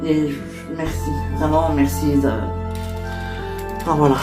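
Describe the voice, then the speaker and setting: A woman's voice: low voice, flat delivery, unhurried, over music. A woman voicing a heartbroken but upbeat young female singer in an amateur toy-figure drama, talking hesitantly with many fillers.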